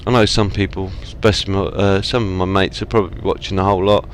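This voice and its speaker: A gaming channel host rambles casually through a trucking game at his home setup, apologizing and making self-deprecating asides in let's-play commentary. His low voice moves little in pitch and runs at a quick pace, with slight background noise.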